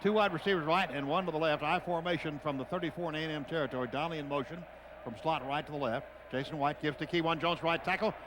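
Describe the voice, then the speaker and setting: This is a fast-talking American play-by-play man on stadium radio, his slightly high voice holding a steady tone. He calls the football action in clipped, short phrases against noisy outdoor broadcast sound.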